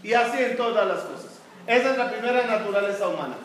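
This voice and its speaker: Quick and expressive, this Israeli rabbi's high, fairly bright voice carries a Torah talk in which he asks the audience questions and then supplies the answers. The room echoes, the mic sits far away, and there's faint noise.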